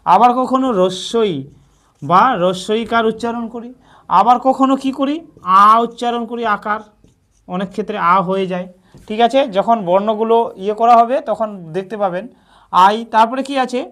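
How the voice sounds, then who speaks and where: A woman's voice: on the high side, moderate pace. A woman teaching a beginners' lesson, asking a question and then answering it herself, often repeating a short check-in phrase. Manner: repeats "ঠিক আছে" often. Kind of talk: scripted narration.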